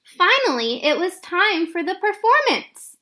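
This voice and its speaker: A woman reads a children's storybook aloud in an expressive way, her high voice ranging widely and lively in pitch. She takes an unhurried pace.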